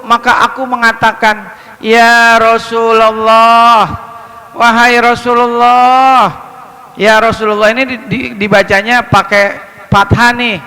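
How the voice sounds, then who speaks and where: A man preaching a lively, humorous sermon, joking with and questioning his congregation. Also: very high voice, big-room sound, low-quality recording.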